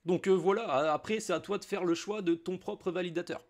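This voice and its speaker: A French crypto YouTuber with a slight cold walks the viewer through a crypto wallet in a relaxed screen-share tutorial, speaking directly to them with "tu" and plenty of chatty asides. His voice sits high and a little mellow, with a steady tone and a slightly quick pace.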